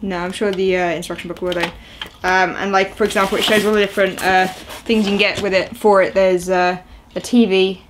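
A young woman hosts a video from a sofa in a small room at home, speaking at an everyday middle pitch with little pitch movement, a brisk pace, and few pauses. She rambles through an unboxing on camera, casual and full of ums and uhs, with a faint hiss under the recording.

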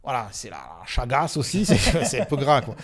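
A man with a Marseille accent, a sociolinguist guest, explaining pronunciation in a lively, expressive way and voicing examples aloud. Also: mid-range voice, moderate pace, a crowd in the background. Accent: Marseille French. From Marseille, France. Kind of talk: casual explanatory interview.

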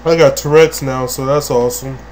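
A man hosting a let's play, talking crudely and profanely as he plays, breaking into sudden loud outbursts. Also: medium pitch, fairly even intonation, fairly quick, slight background noise. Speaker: gaming channel host.

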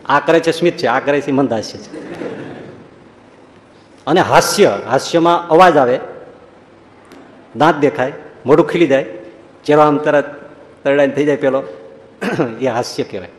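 A man giving a humorous religious talk, telling anecdotes in a lively storytelling way and acting out the people in them. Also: fairly high pitch, normal speed, long pauses. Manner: storytelling, animated, acts out quoted voices. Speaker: preacher. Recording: long hall reverb.

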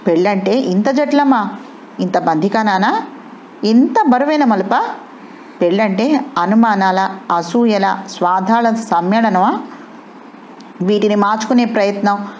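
Brief: woman narrator, steady, measured storytelling, mid pitch. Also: muffled recording, a little hiss or hum. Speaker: audio novel narrator. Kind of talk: scripted novel narration.

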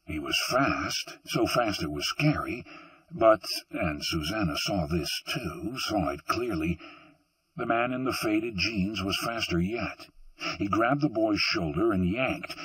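Guy reading an audiobook, low husky voice, slow and deliberate, sounds kinda far off and dry. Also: animated, a bit bright, dry recording. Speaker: audiobook narrator. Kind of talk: scripted narration.

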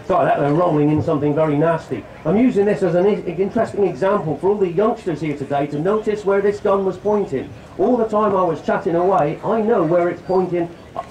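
A man's voice: fairly high pitch, a little mellow, echoey room, a little hiss or hum, low-quality recording. Chatty man demonstrating outdoors. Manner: jokey, chatty, addresses crowd directly. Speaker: shooting demonstrator. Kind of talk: outdoor live demonstration talk. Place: outdoor country show, on a stand.

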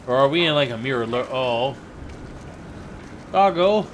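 A man's voice: medium pitch, fairly even intonation, quick pace, a bit bright, a little hiss or hum. A man streaming a game, joking around and talking to his in-game dog and his viewers. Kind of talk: casual gameplay commentary.

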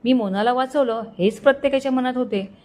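A woman's voice: high voice, fairly quick, dark tone, close to an everyday voice. A woman voicing a stern young man. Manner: firm, blunt. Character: young male student, proud and stern.

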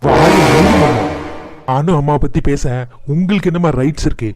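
A firm, protective young husband, voiced by a man in a cartoon. He speaks earnestly in a mellow, fairly high voice. The sound is dry and close. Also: fairly quick, no echo, soft background music, close to an everyday voice. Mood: angry.

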